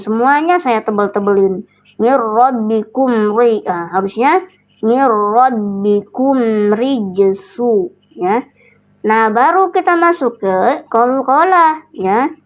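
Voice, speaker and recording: A hoarse woman with a Sundanese accent teaching Quran recitation rules on a live stream, drawing out each recited example. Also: fairly high pitch. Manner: slow, drawn-out explanation with recited examples. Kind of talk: live-streamed tajwid lesson. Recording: tinny phone-line sound.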